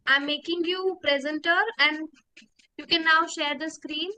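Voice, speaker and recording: Bright-voiced woman moderating a video call. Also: high voice, steady tone. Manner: brisk procedural instructions to presenters. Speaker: session moderator. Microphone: computer mic on a video call.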